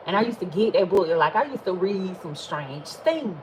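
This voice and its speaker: A woman, chatting casually while reading tarot cards, animated and swearing freely. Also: lowish voice, moderate pace, slight background noise, rough recording. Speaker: tarot reader. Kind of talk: casual livestream chat.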